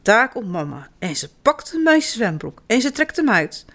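Woman storyteller for children; expressive, animated, sing-song reading. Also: on the high side, normal speed. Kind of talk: reading children's stories aloud.

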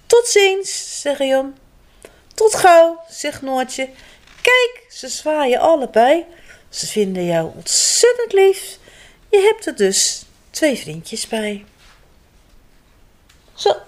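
Lively woman reading a children's story. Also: high voice. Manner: warm animated read-aloud, voices children and parents with bright lifts. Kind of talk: children's story read-aloud.

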